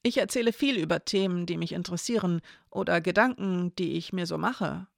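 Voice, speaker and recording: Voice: mid-range voice, a little fast, gravelly, no room sound, studio quality, natural voice. A storyteller reading the lines of Elena, a nervous but teasing young woman who speaks hesitantly and then hastily, in a storybook reading. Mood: unsure.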